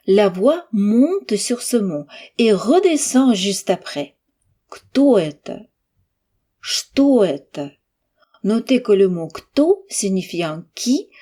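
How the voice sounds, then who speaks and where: A woman teaching a language lesson, speaking deliberately and articulating example phrases carefully for listeners to repeat. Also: medium pitch, dark tone. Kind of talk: slow, clear language lesson.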